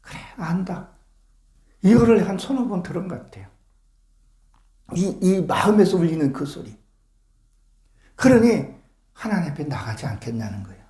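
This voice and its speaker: A man's voice: sits high, lively intonation, normal speed, long pauses, dark tone, echoey room. A male pastor preaching a sermon to his congregation, fervent and full of rhetorical questions. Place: church sanctuary with congregation.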